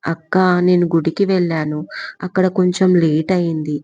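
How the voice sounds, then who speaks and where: A woman voicing a shy, timid young woman who answers quietly and hesitantly, in a dull lo-fi recording. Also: on the low side, fairly even intonation, moderate pace, no room sound, close to an everyday voice.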